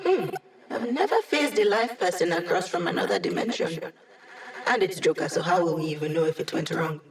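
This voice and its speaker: Hack, a wry digitized hacker. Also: female voice, on the low side, expressive, fairly quick. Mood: reflective, amused. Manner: wry, casual, techy chatter. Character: digitized young female hacker, wry, upbeat AI ally. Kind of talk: video game voice acting.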